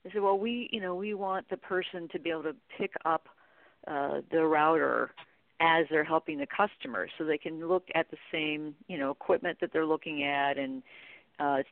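A middle-aged woman with a deep, creaky voice speaks at a moderate pace as a guest expert; she's CEO of a training company. She answers conversationally, rambling through informal anecdotes and acting out bits of dialogue. The audio is tinny, dry phone-line sound.

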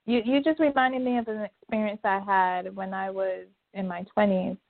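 A woman in casual chat, telling a personal story in an animated way. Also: mid-range voice, normal speed. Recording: tinny phone line.

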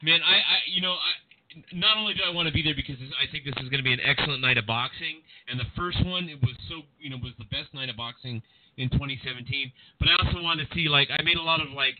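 A man hosting a boxing podcast, talking in a rambling, animated way with lots of restarts and fillers, with a General American accent. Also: a little high, fast talker, background noise. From California. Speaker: podcast host. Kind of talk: casual boxing podcast chat. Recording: tinny phone-like line, dry.

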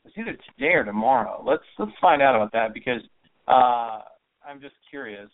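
A man's voice: mid-range voice, animated, fairly quick, dry recording. A man hosting a political talk radio show, giving opinionated commentary full of rhetorical questions. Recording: tinny phone-like audio.

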